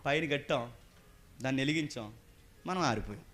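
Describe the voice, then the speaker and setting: A man with a Coastal Andhra Telugu accent preaching a sermon, firing rhetorical questions at the congregation and swinging between quiet asides and loud emphatic bursts. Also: medium pitch, brisk.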